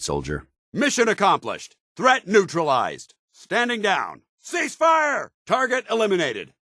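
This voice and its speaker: An actor playing a stern, dutiful, righteous paladin soldier in a video game, with a clipped, authoritative military delivery. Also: male voice, a little high, sharp tone, no echo, clean studio sound, full character voice. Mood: approving, calm. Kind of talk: video game companion voice lines.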